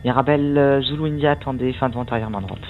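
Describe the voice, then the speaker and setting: A male air traffic controller speaks over a thin radio channel with faint noise. His voice is mid-pitched and he gives tower instructions haltingly. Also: phone-quality sound. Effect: aviation radio transmission.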